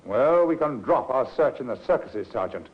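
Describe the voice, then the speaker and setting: A man's voice: medium pitch, animated, normal speed, close to an everyday voice. An actor playing an authoritative, methodical male police inspector in a 1950s radio drama, decisive as he instructs a subordinate. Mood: deliberating. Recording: muffled 1950s radio recording.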